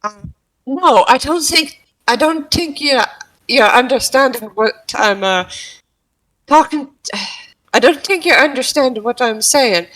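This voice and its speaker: A woman playing her character in a tabletop game, hesitant and polite, with many pauses and "uh"s. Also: high-pitched, lively intonation, a bit bright, low-quality recording. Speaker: player. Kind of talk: in-character tabletop role-play.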